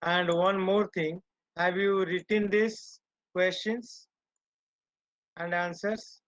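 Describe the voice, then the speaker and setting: Male online lecturer. Slow, deliberate and stern with his class, on dull lo-fi call audio. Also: high-pitched, flat delivery, fairly bright tone, no room sound. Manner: slow and deliberate, switching between Hindi and English, scolding the students. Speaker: teacher.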